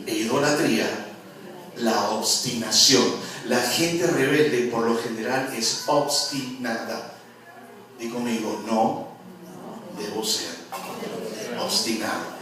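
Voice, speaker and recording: Male pastor, mid-pitched, preaches with humor and questions, heard from afar in a booming, echoing room. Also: slow. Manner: lively, jokes and quizzes the congregation. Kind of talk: sermon. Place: church hall. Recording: very echoey hall, from far off.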